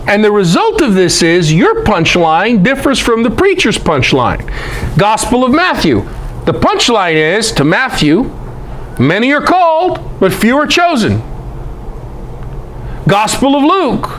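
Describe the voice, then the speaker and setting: The voice is very high-pitched and fairly bright, with a bit of hiss or hum in the audio. A presenter who teaches the Bible, he delivers a lively, conversational lecture on scripture scholarship full of rhetorical questions and homespun asides.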